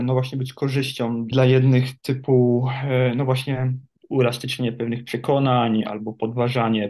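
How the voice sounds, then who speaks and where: A man, an addiction therapist, answering interview questions in a measured, reflective way with many hesitations. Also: medium pitch, darkish tone. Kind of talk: interview guest.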